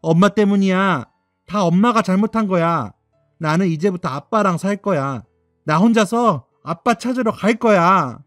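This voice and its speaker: A man's voice: high voice, animated, dry recording, studio quality, faint music behind, voice pushed up. A man voicing an upset ten-year-old boy who pleads and cries in a radio drama. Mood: sulky, angry. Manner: tearful, pleading, drawn-out cries.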